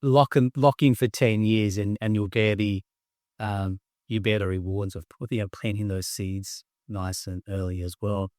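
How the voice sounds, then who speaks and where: An enthusiastic man in his thirties chatting on a podcast, talking freely with fillers and restarts. His voice sits fairly low. The sound is dry and close. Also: fairly even intonation, moderate pace, a little mellow, dry recording. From Australia. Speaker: podcast host, company co-founder. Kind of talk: casual podcast chat.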